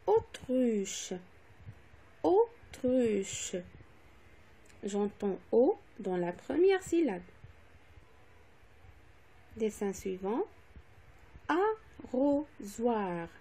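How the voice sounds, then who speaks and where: A woman teacher slowly correcting phonics exercises, saying each word twice and spelling out letters. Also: mid-range voice, dark tone, slightly rough. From Morocco. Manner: repeats each word twice, stressing sounds. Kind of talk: slow, clearly articulated classroom dictation.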